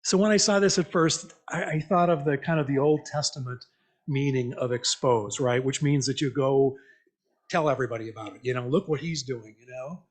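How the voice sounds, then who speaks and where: A man with a mid-range, slightly breathy voice preaches at a church meeting at a moderate pace. Conversational and reflective, he questions the congregation and repeats what they answer back to them.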